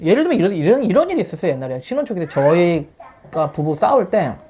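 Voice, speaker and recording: A man's voice: high-pitched, fast, slight background noise. A man, a pastor, chatting casually and telling a story about his marriage, full of fillers. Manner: animated storytelling with frequent fillers. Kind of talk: casual chat.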